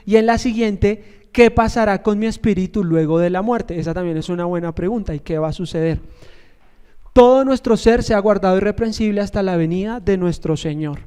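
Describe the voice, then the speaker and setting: A man's voice: sits high, brisk, dark tone, smooth. A man, a pastor, preaching a sermon in a conversational storytelling way, joking and asking the congregation questions.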